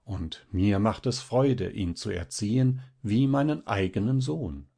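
A man voicing a kindly, doting older village pastor who speaks in an earnest, unhurried way. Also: fairly low pitch, expressive, creaky, mellow, heavily acted.

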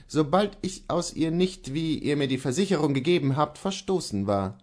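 Casting: male reader doing a proud outlaw horse dealer, pitched well up, insistent and earnest. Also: animated, moderate pace, darkish tone. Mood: defiant earnest.

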